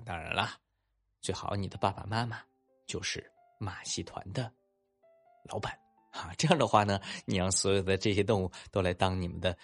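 Husky-voiced man telling a children's story. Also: low-pitched. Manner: animated, warm-toned coaxing asides to kids.

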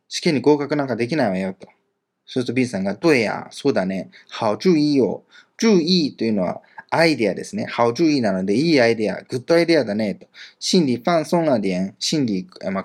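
Lively-voiced male language teacher. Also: mid-range voice, breathy edge. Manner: reads each example slowly, then glosses it in a chatty way. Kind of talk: casual grammar explanation.

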